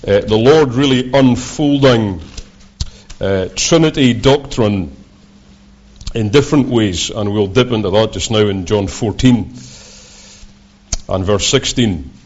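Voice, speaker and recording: A man with a broad Scottish accent preaching a sermon as a visiting preacher, in measured, deliberate, halting phrases. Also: lowish voice, darkish tone. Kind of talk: sermon with scripture readings. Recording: dull, lo-fi sound.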